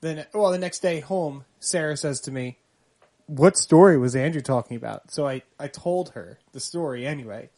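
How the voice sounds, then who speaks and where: Husky-voiced joking podcast guy. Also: a little high, normal speed, a little mellow. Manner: joking, rambling. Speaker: podcast co-host. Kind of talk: casual sports chat.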